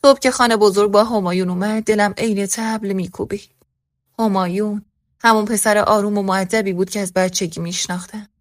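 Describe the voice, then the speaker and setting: In studio-quality audio without echo, a woman narrates a scripted first-person story, keeping one even voice for all the characters. She speaks at a medium pitch.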